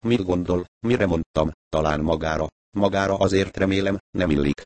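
A man narrating a novel as an audiobook reader, in a calm, steady storytelling manner. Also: low-pitched, dry recording. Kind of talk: scripted narration.

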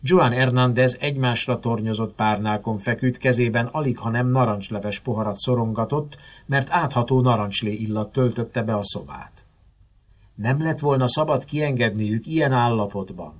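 A man narrating a first-person novel aloud in a dramatic, expressive storytelling manner. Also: mid-range voice. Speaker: audiobook narrator.

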